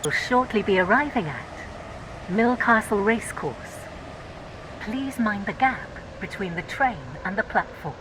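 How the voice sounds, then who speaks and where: A woman's voice: mid-range voice, expressive, a little slow, noisy background. A woman giving an automated onboard train announcement in formal, clipped phrasing.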